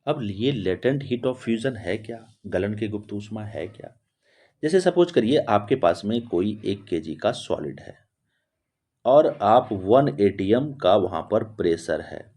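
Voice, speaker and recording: A man's voice: on the low side, expressive, slow, mellow. A man teaching chemistry in a lesson, repeating key terms word by word and answering his own rhetorical questions. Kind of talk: classroom-style lesson explanation.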